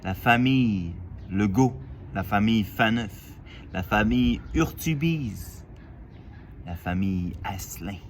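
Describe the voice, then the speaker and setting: A man from Quebec with a Quebec French accent, musing aloud in a casual vlog, halting and full of fillers, outdoors in a city alley. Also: lowish voice, expressive, slight background noise. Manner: thoughtful, halting, with many fillers and restarts. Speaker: vlogger. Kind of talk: casual reflective monologue.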